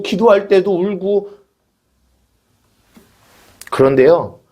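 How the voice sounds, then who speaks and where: A male pastor preaching a sermon, acting out prayers and imagined dialogue as he explains his point. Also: a little high.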